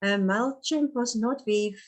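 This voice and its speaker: This fairly high-pitched woman speaks at a measured pace. She's a therapist in her fifties, a native Afrikaans speaker with the accent to match, chatting earnestly as an interview guest, full of restarts and fillers.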